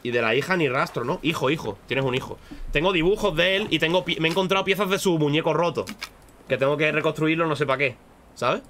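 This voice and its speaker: A man's voice: fast talker, slight background noise. Swearing man streaming a game. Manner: casual, swearing, bursts into loud high shouts when startled. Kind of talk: live gameplay commentary.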